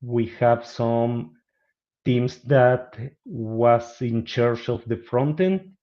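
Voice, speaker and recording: Very slow and mellow, the medium-pitched voice belongs to a middle-aged business analyst from Argentina speaking as a webinar guest. His Argentine Spanish accent comes through dull, lo-fi online call sound.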